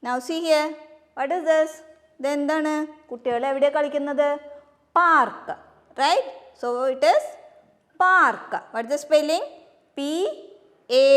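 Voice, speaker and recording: Malayali lady teacher, kindergarten phonics, super slow, spells everything out, high voice. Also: in a large hall. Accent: Malayali English. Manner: slow, patient, spells out words letter by letter and asks questions. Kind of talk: phonics lesson for young children.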